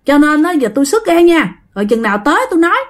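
A woman voicing a weak, tired old male ghost, speaking in a slow, feeble way. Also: sits high, big pitch swings, voice pushed up. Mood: weary.

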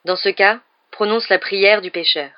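A woman reading aloud and voicing a big, gentle, kindly man in a calm, soothing tone. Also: medium pitch, normal speed, muffled recording, natural voice.

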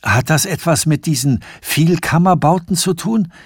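A man's voice: on the high side, lively intonation, moderate pace, slightly rough, no room sound, studio quality, pitched above the performer's own voice. A man playing a stammering, fearful Swiss factory heir. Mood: panicked.

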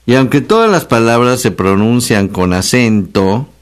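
A man with a Mexican accent hosting a casual radio talk, explaining spelling like a chatty teacher and slowly repeating the key words. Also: mid-range voice, animated. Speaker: radio host. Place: radio studio.

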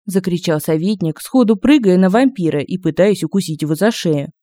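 Brisk and lively, a lowish-voiced woman performs a humorous fantasy audiobook with expressive storytelling. The recording is dry, made on a close mic in a home studio.

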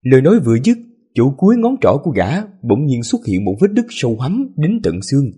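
Hoarse, mellow male story narrator. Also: medium pitch, a little fast. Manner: relaxed, chatty asides with fillers. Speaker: story narrator and channel host. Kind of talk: serialized audiobook narration.

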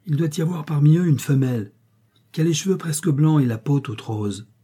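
A simple, loyal ape-man as a male narrator plays him speaks earnestly in a dark, husky voice. The creature comes from an old jungle adventure read aloud as an audiobook. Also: on the high side, lively intonation, fairly quick, pitched above the performer's own voice.

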